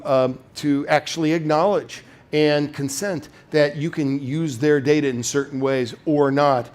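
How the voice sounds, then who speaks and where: A man delivers a business keynote to an audience with polished corporate enthusiasm. He pitches like a seasoned executive, in a mid-range voice. His phrasing is salesmanlike, broken up by ums and doubled-back words. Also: darkish tone. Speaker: chief executive giving a keynote.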